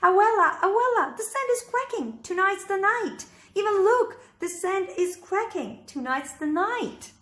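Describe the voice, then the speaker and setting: Woman voicing an excitable high-pitched little boy, storybook. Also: a little slow, hardly any pauses, heavily acted. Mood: excited. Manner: excited, childlike exclaiming. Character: eager, excitable little boy who loves sea turtles. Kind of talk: storybook read-aloud. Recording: echoey room.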